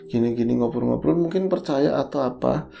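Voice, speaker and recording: A man, hosting a podcast and telling a story in casual chat, animated and acting out the characters. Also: mid-range voice, brisk, creaky. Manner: animated, acts out characters in quotes.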